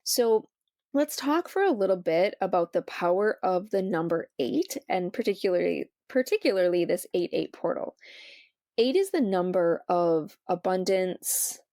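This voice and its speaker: A woman's voice: lowish voice, lively intonation, measured pace, dark tone, no room sound, clean studio sound. A woman hosting a solo spiritual podcast from inside a small trailer, explaining and guiding the listener directly. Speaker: podcast host.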